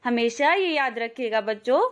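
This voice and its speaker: A woman teaching a slow, clear phonics lesson to young children, stretching out each syllable and often calling out to them. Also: on the high side. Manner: drawn-out syllables, addresses children warmly; very slow, careful pace. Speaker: kindergarten teacher.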